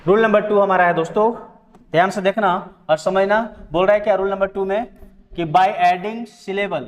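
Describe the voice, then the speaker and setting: A man's voice: high-pitched, fairly even intonation, moderate pace, big-room sound. A man teaching English grammar, addressing viewers as friends and spelling words out letter by letter. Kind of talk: classroom-style lesson explanation.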